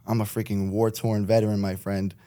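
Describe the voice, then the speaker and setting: A man's voice: on the low side, level tone, unhurried, mellow, smooth. Laid-back young man, rambling. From Connecticut. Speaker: podcast guest, rapper. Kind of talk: casual chat.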